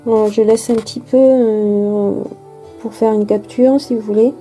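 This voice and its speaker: French woman card vlogger, dark mellow higher voice, halting casual chat, soft music behind. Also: steady tone, low-quality recording. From France. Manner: hesitant, many fillers and restarts. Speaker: tarot and oracle card vlogger.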